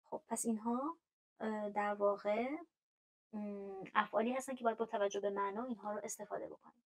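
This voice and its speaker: Persian-speaking woman, mid-pitched, patient French grammar teacher, reads verb tables slowly. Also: rough recording. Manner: explains patiently, reads French verb forms aloud slowly, frequent fillers. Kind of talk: grammar lesson.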